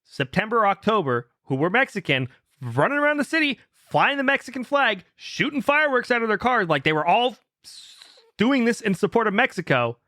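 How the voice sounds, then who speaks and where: A man's voice: sits high, very animated, fairly quick, bright, forceful tone, no echo, studio quality. A man hosting a podcast in casual chat, rambling with lots of fillers and swearing. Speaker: podcast host.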